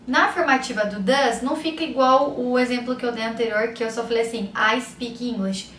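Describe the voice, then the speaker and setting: Brazilian lady teacher explaining english grammar, kinda high voice, roomy echo, faint background hum. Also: fairly bright tone, distant mic. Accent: Brazilian Portuguese. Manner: explains patiently, checks in with "tá?" and "beleza?"; says English examples slowly and clearly. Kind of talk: English grammar lesson for Portuguese speakers.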